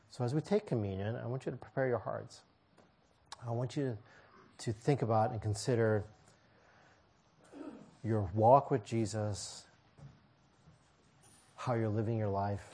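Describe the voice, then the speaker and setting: A man's voice: lowish voice, mellow, breathy edge. A man preaching a sermon to his congregation in a church, pleading and emphatic, driving points home with repeated phrases. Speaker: pastor.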